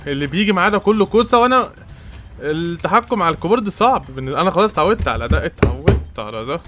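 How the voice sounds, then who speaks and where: High-pitched young Egyptian male streamer, animated, mocking his opponent. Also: rapid-fire, over music. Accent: Egyptian Arabic. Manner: frustrated, trash-talking, swears and mocks the opponent. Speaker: gaming streamer. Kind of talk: live gameplay commentary.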